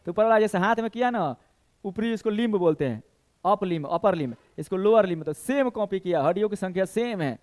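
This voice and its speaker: His high-pitched voice is animated, brisk and a little mellow as he coaches students for competitive exams. With a Bhojpuri-tinged Hindi accent, he quizzes the class by counting bones aloud and supplying his own answers.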